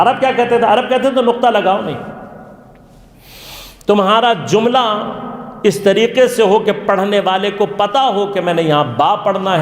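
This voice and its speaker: A male religious lecturer giving an interactive lesson, asking his listeners questions and then answering them himself. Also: sits high. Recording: echoey hall.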